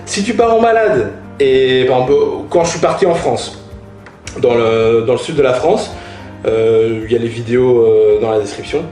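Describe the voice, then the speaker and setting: Reviewing gear for his audience, this motorcycle vlogger speaks in an animated mid-range voice at a moderate pace, slightly mellow in tone. The sound is reverberant with soft background music, and his talk is slangy, emphatic, and repetitive for effect.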